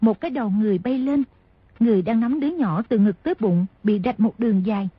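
A woman reads a martial-arts novel aloud in a steady storytelling manner. Her voice is very breathy and raspy, a touch high, and sounds dry and close. The audio is dull and lo-fi. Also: fast, no echo. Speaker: narrator.

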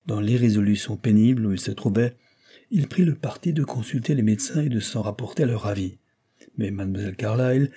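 Male audiobook narrator, low and husky, reads in a steady, measured way. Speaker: audiobook reader. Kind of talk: scripted narration.

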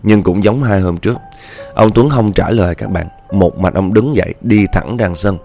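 A man with a low voice, telling a ghost story. He talks in a chatty way and keeps turning to his listeners, with faint music running under him. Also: normal speed, gravelly, dark tone. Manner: chatty, addresses listeners directly.

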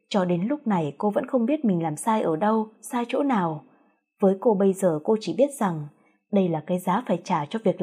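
A woman narrating a family drama story in a steady, dramatic reading voice. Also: mid-range voice, husky.

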